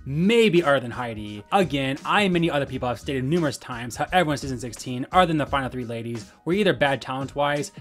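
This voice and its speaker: A man hosts a scripted video essay at a quick clip. His pitch sits in the middle range, and faint music plays behind his narration. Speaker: host.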